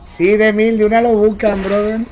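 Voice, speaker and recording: A man's voice: high-pitched, level tone, normal speed, darkish tone, faint music behind. A man streaming a game, chatting casually and greeting his viewers by name in a friendly, slangy way. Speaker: gaming streamer. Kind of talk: casual live-stream chat while gaming. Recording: clear background noise with clicks.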